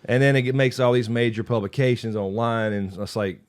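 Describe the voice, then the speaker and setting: A man's voice: mid-range voice, fairly even intonation, a little fast, a little mellow. A man with a mid-range voice talks as a podcast co-host. His delivery is conversational and blunt, with casual swearing and brief interjections of agreement.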